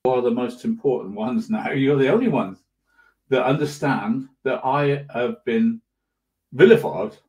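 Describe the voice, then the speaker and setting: A man's voice: mid-range voice, unhurried, darkish tone, low-quality recording. Rambling man chatting on a livestream. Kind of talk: casual livestream talk to followers.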